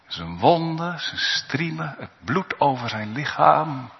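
A man's voice: big pitch swings, takes it slowly, gravelly. Lo-fi preaching man in a reverberant church. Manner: earnest preaching, swinging from soaring high cries to hushed low tones. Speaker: pastor. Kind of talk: sermon. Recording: dull lo-fi church recording with long reverb.

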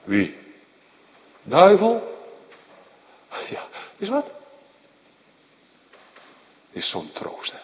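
A man preaching a sermon in speech, animated and emphatic, often asking his listeners short questions. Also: fairly low pitch, extremely slow, pauses often. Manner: animated, rising to emphatic outbursts, frequent tag questions. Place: church. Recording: dull lo-fi recording in a reverberant hall with faint background noise.

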